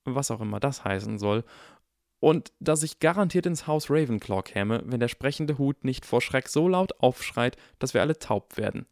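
A man voicing an eager, bookish eleven-year-old boy wizard who talks fast and flatters nervously, in an audiobook. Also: medium pitch, creaky, no room sound, clean studio sound, pitched above the performer's own voice. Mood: earnest. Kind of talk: audiobook character voice.

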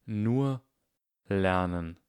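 A man voicing a clever, excitable young schoolboy wizard in an audiobook, eager and lecturing. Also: low voice, very slow, smooth, dry recording, studio quality. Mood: restrained. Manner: eager, lecturing, barely restrained. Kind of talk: audiobook character voice.

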